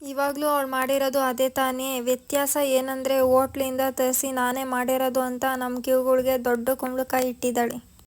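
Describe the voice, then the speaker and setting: A woman's voice: high voice, monotone, moderate pace, close to an everyday voice. A woman voicing a stern older grandmother who scolds and lectures. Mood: scolding.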